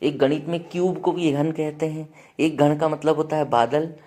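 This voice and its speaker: A man's voice: a little high, steady tone, normal speed, dark tone. A male teacher running an exam-prep grammar lesson, listing word meanings and checking in with students with frequent "है ना" and "ठीक है".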